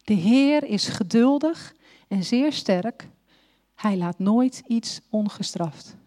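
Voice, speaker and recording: A woman's voice: fairly high pitch, animated, slow, dark tone. A woman preaching a sermon, emphatic, with repeated rhetorical questions.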